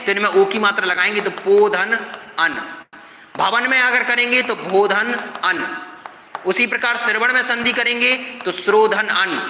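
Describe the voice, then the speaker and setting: A man's voice: sits high, pushed and bright, a little hiss or hum. A man teaching a recorded grammar lesson, repeating points and quizzing his students with questions. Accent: Hindi-speaking India. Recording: echoey room with long reverb.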